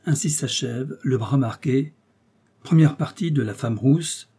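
A man giving steady, measured audiobook narration of a classic novel. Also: medium pitch, husky.

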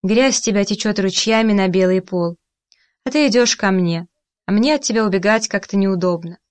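A woman voicing a blunt, talkative young woman who recounts a dream in a direct, brisk way in an audiobook. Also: medium pitch, dry recording, close to an everyday voice. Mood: recounting.

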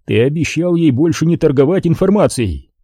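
A man voicing a calm, wise older male mentor, measured and steady, in an audiobook. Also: on the high side, slightly rough, dry recording, studio quality, pitched above the performer's own voice.

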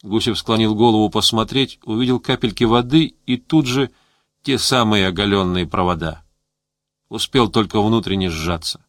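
A man narrating an audiobook in a measured, steady reading voice. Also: on the low side, no echo, studio quality. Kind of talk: scripted narration.

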